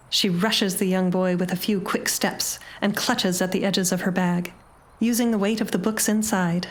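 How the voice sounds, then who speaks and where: A woman reading a short story aloud in a measured, dramatic narration. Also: lowish voice. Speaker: audiobook narrator.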